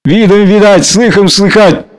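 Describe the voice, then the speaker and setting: A man's voice: sits high, a little slow, pitched above the performer's own voice, low-quality recording. A man as a boisterous jolly landowner. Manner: boisterous, effusive.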